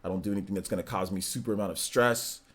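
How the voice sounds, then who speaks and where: This livestream host in his forties has a low, steady voice and races through his words. He chats casually with viewers, reading their messages in a rambling, easygoing, slang-heavy style.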